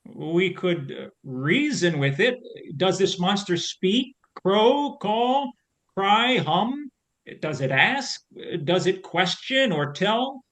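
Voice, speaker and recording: Scarecrow: weary, gentle guardian, slow and measured, somewhat high, voiced by a man. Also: lively intonation, heavily acted. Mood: probing. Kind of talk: audio drama reading.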